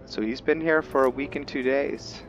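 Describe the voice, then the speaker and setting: At a moderate pace and medium pitch, a male gamer runs a roleplay session, commentating in a relaxed, pondering, uncertain manner. The sound comes through a dull narrow-band mic layered over faint game music.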